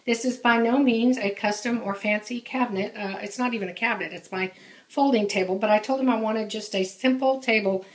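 A home organizing vlogger films a casual tour of her laundry room on a handheld camera, whose mic is off screen, talking with lots of ums and restarts. Her voice is a little high and fairly quick, echoing in the small tiled room.

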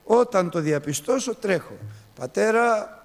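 A man preaching a sermon, telling a story with swings from soft to loud. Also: medium pitch, very animated.

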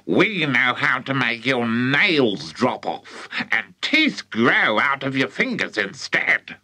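Storybook villain: a man playing a sly old grandmother, high and creaking-slow, husky edge, gloating. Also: sing-song, sharp tone, no room sound, heavily acted. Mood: menacing. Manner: slow, relishing, creepy drawl.

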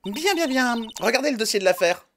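A man's voice: very high-pitched, animated, fast, fairly bright tone, a little hiss or hum, pitched above the performer's own voice, full character voice. A man voicing an eager, bossy young girl detective in a video game, speaking in a raised voice. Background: game music.

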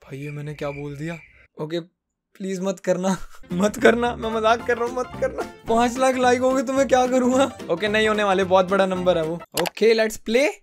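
A man's voice: sits high, normal speed, soft background music. A young man with an Indian accent giving joking, self-mocking commentary while playing a game, mixing English into his talk. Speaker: gaming YouTuber. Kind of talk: casual gameplay commentary.

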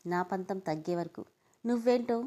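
A woman doing a cold, defiant young man who spits out short scornful comebacks. The voice stays mellow and soft-edged underneath the bitterness, read aloud as a storybook character. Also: mid-range voice, normal speed, close to an everyday voice. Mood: bitter. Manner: clipped, scornful retorts.

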